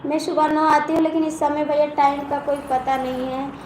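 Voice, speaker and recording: High-voiced Awadhi woman chatting on a live stream. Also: level tone, fairly quick, a little mellow. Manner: chatty, teasing, reads out comments. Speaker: live-stream host and folk singer. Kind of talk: casual live-stream chat with viewers. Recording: echoey room with faint background noise.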